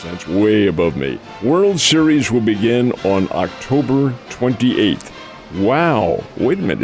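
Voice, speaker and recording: A man's voice: on the low side, darkish tone. An older man co-hosting a sports radio show, giving folksy rundowns of games and calling listeners "folks". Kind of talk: casual sports radio chat.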